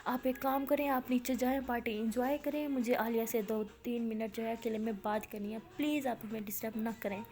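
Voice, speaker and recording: A woman voicing a polite, firm middle-aged uncle, in her own high voice. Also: fairly even intonation, hardly any pauses, a little mellow, lightly acted.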